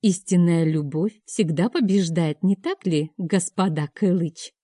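A woman reading an audiobook, voicing a joyful older female friend who speaks slowly and exclaims. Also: fairly low pitch, mellow, breathy edge, no room sound, clean studio sound.

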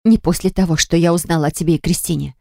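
A woman's voice: lowish voice, steady tone, fast talker, creaky, mellow, no echo, clean studio sound. A woman voicing a proud, hurt young woman who speaks sharply and reproachfully. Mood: crying out.

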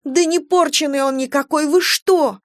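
A woman's voice: sits high, completely flat delivery, drawn-out words, warm tone, no echo, clean studio sound, voice pushed up. A woman voicing an anxious young mother who pleads near tears in a fragile, pleading way.

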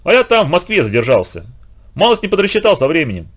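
Man reading as calm grown-up leader Vladimir Sergeevich. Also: fairly high pitch, fast, pitched above the performer's own voice. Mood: reassuring. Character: kind, steady grown man leading children.

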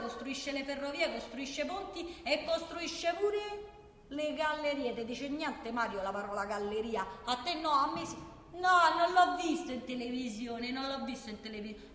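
An actress with a high, fairly bright voice plays a feisty working-class Roman woman in a theatrical radio monologue, voicing one side of a conversation. Her Roman Italian speech is colloquial, argumentative, and emphatic, peppered with rhetorical questions, recorded in an echoey hall with faint background noise.

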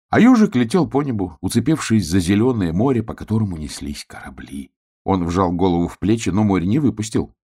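A man narrating a children's storybook with expressive storytelling. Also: deep voice, slightly rough.

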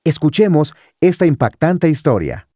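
A man's voice: fairly high pitch, sing-song, dark tone, faint music behind. Man announcing a radio program. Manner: formal, measured announcing. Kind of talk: scripted radio introduction.

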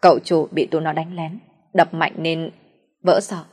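A woman's voice: low voice, flat delivery, a little mellow, slightly rough. A woman narrator voicing a panicked male chauffeur bringing bad news in an audio story. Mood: alarmed. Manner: hurried, alarmed.

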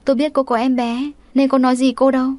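A proud young woman defends herself indignantly, her voice going hoarse as she holds back her anger, read by a woman narrator. The story is told in a storybook style. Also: high voice, little pitch movement, fast, darkish tone, no room sound, lightly acted. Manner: indignant, hoarse when holding back tears.

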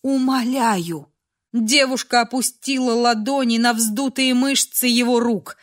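A woman narrating a dramatic audiobook in a measured, expressive way. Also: a little high.

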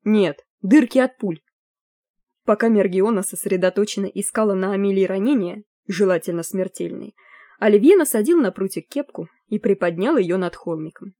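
A woman narrating an audiobook with a warm, mellow tone. Her reading is lively and expressive, recorded close and dry. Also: medium pitch, a little fast, dry recording.

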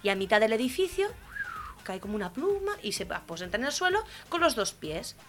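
Una mujer con acento de España cuenta chistes en un programa de radio, con mucha animación, y pone voces a los personajes. Se oye una música suave de fondo. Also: female voice, fairly high pitch, fairly quick, music in the background. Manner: lively joke-telling, acting out characters loudly. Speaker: radio comedy host. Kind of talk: telling jokes on community radio.

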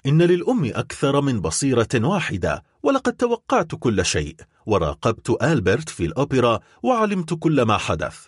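A man's voice: mid-range voice, wildly swooping pitch, a little fast, breathy edge, no room sound, clean studio sound. A man voicing a grieving, desperate middle-aged noblewoman who pleads and cries out in an audiobook reading. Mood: despairing plea.

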